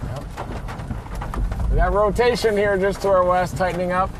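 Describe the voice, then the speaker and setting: A man's voice: high-pitched, little pitch movement, quick pace. A man chasing storms, giving casual live spotting commentary in short remarks from the field. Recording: loud vehicle and outdoor noise.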